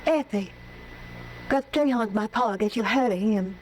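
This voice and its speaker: An actress voices a timid, guarded young ranch girl in a 1950s radio drama, speaking with hesitation. Her natural, medium-pitched voice keeps a measured pace, heard through poor audio from a hissy old broadcast.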